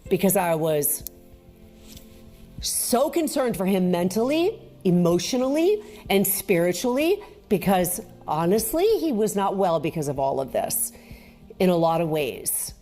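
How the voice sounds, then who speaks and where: A devout mother tells her testimony in a slow, earnest way, lingering over her words. Her pace is very unhurried. Soft music plays underneath. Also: on the low side, very animated. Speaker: mother of the interviewee. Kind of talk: personal testimony.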